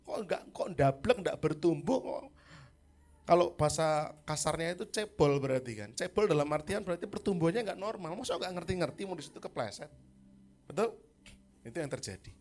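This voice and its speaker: A man's voice: on the high side, expressive, a little fast, a little mellow. A man preaching a sermon at a church service, talking casually with the congregation and calling on people by name. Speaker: pastor. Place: church service in a hotel hall.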